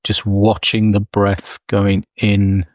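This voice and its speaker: A man leading a guided meditation, speaking softly and soothingly with long pauses. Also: on the low side, monotone, dry recording, studio quality. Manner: slow, soft, soothing delivery with long pauses.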